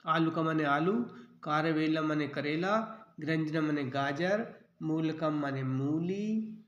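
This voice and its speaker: Guy teaching kids vocab, kinda high voice, super slow, repeats everything, echoey room. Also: highs cut off. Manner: slow, repeats each word with its meaning, says "theek hai" often. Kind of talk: Sanskrit vocabulary lesson.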